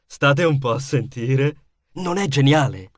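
A man's voice: medium pitch, animated, unhurried, no echo, clean studio sound. A man doing a slangy, cocky mouse musician. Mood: boastful. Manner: laid-back slangy swagger. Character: cool young male mouse musician.

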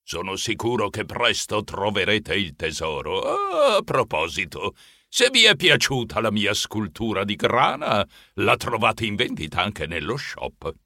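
A man's voice: lowish voice, wildly swooping pitch, measured pace, gravelly, pushed and bright, no echo, clean studio sound, voice pushed down, full character voice. A man voicing a cheery, salesy male rodent innkeeper in a storybook.

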